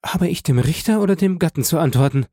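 A man's voice: medium pitch, wildly swooping pitch, moderate pace, mellow, husky, dry recording, clean studio sound, exaggerated voice. A man voicing a terrified young noblewoman who stammers and pleads in a breathless, half-whispered way. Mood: pleading.

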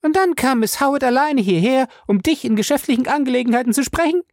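A shrill furious wife. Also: female voice, sing-song, fairly quick, dry recording, clean studio sound. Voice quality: shrill, voice cracking. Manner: screaming accusations, sarcastic. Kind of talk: audiobook character voice.

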